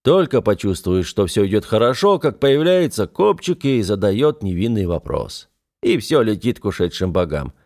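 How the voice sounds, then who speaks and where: A man's voice: fairly low pitch, sing-song, moderate pace, darkish tone. A man voicing a confident, somewhat dismissive naval officer in an audiobook. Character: self-assured naval officer, adult man. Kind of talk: audiobook character voice.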